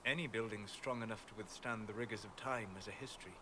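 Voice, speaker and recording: An actor playing a calm, scholarly mage in a video game, speaking in a measured, wistful, formal way like a guide to dreams. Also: male voice, lowish voice, background noise, natural voice. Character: calm, scholarly apostate mage, a male dreamer of ancient memories.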